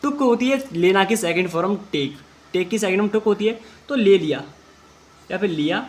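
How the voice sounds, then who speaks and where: A man teaching an English class, reading English sentences slowly word by word and then explaining each word step by step. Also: high-pitched. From India. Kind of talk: classroom translation lesson.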